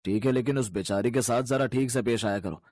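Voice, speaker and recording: A man voicing a gentle middle-aged father in a cartoon story, speaking calmly and pleadingly. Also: medium pitch, brisk, no echo, studio quality, lightly acted. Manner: calm and pleading.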